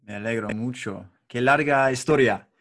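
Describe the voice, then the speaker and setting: Relaxed man asking questions. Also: medium pitch, normal speed. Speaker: interviewer. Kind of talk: casual conversation.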